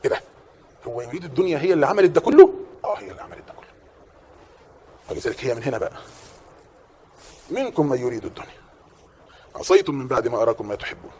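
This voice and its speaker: A man preaching a sermon in an Egyptian Arabic accent, swinging from hushed, reflective passages to impassioned shouting. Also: mid-range voice, big pitch swings, very fast, long pauses, a little hiss or hum.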